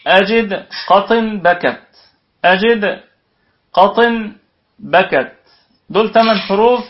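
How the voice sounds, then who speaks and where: A man with an Egyptian accent teaching a Quran recitation lesson, patiently explaining and sounding out letters aloud, then checking with his students. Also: high voice. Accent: Egyptian Arabic. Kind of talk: online tajweed lesson. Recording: dull lo-fi audio.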